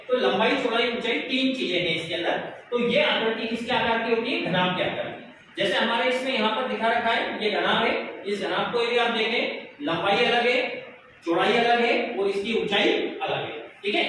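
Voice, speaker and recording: A math teacher, male, with a very high and somewhat bright voice, runs a lesson by quizzing his pupils and answering his own questions. The sound is echoey and noisy, recorded from a distance.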